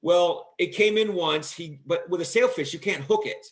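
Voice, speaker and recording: A man hosting a casual chat show, telling stories in an animated way and acting out quotes loudly. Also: high voice, normal speed. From Michigan, USA. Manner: animated, acts out quotes in a loud voice. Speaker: host.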